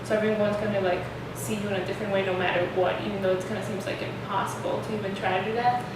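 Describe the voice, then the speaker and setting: A woman's voice: medium pitch, fairly even intonation, very fast. A young woman hosting a casual chat, rambling and filling her sentences with "like" and "um". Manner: rambling, many fillers like "like". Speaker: host. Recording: echoey room, distant mic, noisy.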